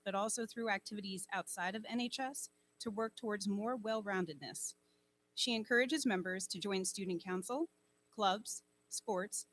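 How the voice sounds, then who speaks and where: Lady advisor at a lectern mic reading out student bios, mid pitch, faint hum. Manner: formal, even reading. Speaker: honor society advisor. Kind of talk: reading officer bios aloud. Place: school ceremony hall. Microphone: speaking at a lectern microphone.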